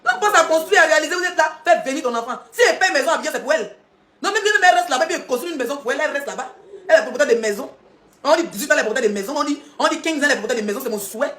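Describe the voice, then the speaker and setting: A woman's voice: sits high, animated, rapid-fire, a bit bright. A woman livestreaming a heated rant, mocking and combative, with frequent laughs and pointed rhetorical questions. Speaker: social media live streamer. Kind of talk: heated live-stream rant. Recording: echoey room.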